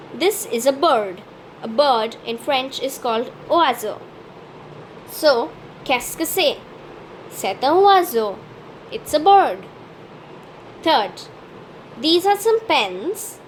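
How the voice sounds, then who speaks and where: A woman hosting a French lesson channel, explaining slowly and drilling pronunciation carefully. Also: high-pitched, big pitch swings, a little hiss or hum, poor audio. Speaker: French teacher and channel host. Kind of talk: slow instructional explanation.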